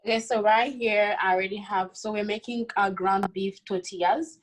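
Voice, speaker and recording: A woman's voice: medium pitch, fairly even intonation, normal speed, low-quality recording. A young woman from the Congo, a university student, chatting casually as she demonstrates a recipe, with many "like" and "um" fillers. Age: young adult. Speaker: cooking guest.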